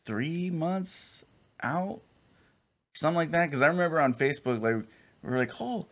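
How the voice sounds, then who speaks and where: A man's voice: fairly high pitch, normal speed. A man in his late thirties co-hosting a casual chat, hesitant and rambling, with many restarts.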